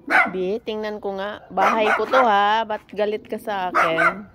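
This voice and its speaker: A woman's voice: mid-range voice, steady tone, measured pace. A woman vlogging casually in her backyard, chatty and teasing with lots of exclamations. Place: backyard outdoors. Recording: loud background noise. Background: barking dog.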